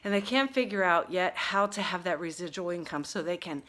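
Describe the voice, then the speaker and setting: An older woman chatting excitedly and a bit out of breath while unboxing a package at home, getting sidetracked as she talks. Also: fairly low pitch, brisk. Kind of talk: casual unboxing vlog. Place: at home, indoors.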